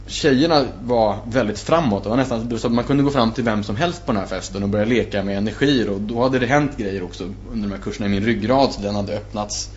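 Animated man telling a story, lo-fi. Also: fairly low pitch. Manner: animated, acts out his own past reactions. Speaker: podcast guest. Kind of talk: casual storytelling. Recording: muffled lo-fi with faint hum.

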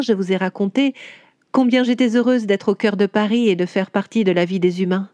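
Old stone cathedral talking soft and tender, a lady doing the voice, kinda high, music under it. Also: close to an everyday voice. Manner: tender, confiding storyteller. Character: ancient proud gentle female cathedral. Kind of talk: storybook audio drama narration.

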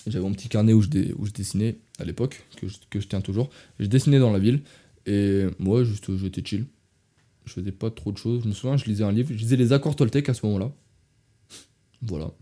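A young Frenchman with a low-ish, mellow voice and a quick pace tells travel stories on a casual podcast. He rambles, restarts, corrects himself often, and speaks directly to his listeners, calling them "les gars".

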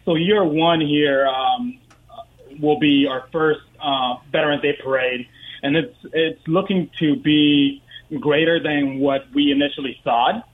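A man's voice: on the high side, fairly even intonation, unhurried. A man in his thirties from the Dominican Republic, a guest on a radio show calling in, talking with many fillers and restarts. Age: 30s. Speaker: guest, parade co-founder. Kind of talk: phone interview. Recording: tinny phone line.

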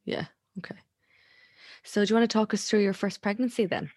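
A woman's voice: medium pitch, steady tone, fast, a little mellow, no echo, studio quality. An Irish woman hosting a podcast, talking in an earnest, informal way. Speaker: podcast host. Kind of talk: podcast introduction and interview.

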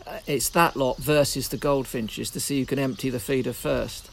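A man chatting casually as a guest birdwatcher, halting and repeating his words. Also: mid-range voice, fairly even intonation, creaky, slight background noise. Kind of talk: casual chat.

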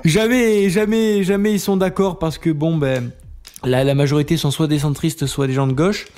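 A man's voice: fairly high pitch, steady tone, normal speed, a little mellow, soft background music. A man in casual heated debate on a live show, stumbling over restarts and fillers. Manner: hesitant, many restarts and fillers. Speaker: guest on a live talk show.

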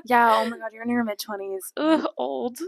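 A woman's voice: fairly high pitch, level tone, fast talker, no room sound, clean studio sound. A young woman co-hosting a podcast, chatting casually and teasing her friend. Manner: teasing, playful, lots of "like". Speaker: podcast co-host. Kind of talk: casual chat.

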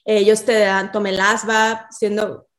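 A Mexican woman in her thirties, an army officer appearing as an interview guest, speaks with a Mexican accent in a mid-range voice. Her delivery is flat and measured, and she chats casually, mixing English terms in with hesitant fillers. The room has an echo.

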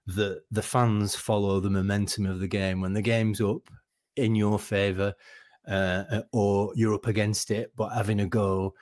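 A man on a football podcast panel, explaining things in a measured way with some ums. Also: fairly low pitch, dry recording, studio quality. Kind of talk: casual football chat.

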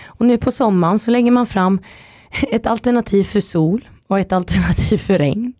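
A woman guest on a chat podcast telling stories in a lively way, acting out quotes. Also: medium pitch, no echo, clean studio sound. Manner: lively storytelling, acts out quotes. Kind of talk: casual chat.

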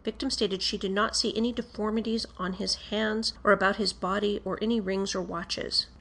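A woman reading a police interview report aloud in a formal, measured, matter-of-fact way. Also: mid-range voice, steady tone, creaky, a bit bright.

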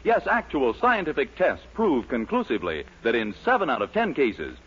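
A man's voice: medium pitch, huge pitch swings, normal speed, a bit bright, husky. A man announcing scripted commercials in an emphatic, persuasive manner, heard on a lo-fi 1940s radio broadcast.

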